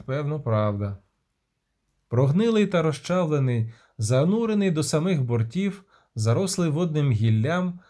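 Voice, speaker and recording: A male narrator reading a fantasy audiobook. His voice sits a little high and sounds mellow and warm, and his storytelling is vivid and steady.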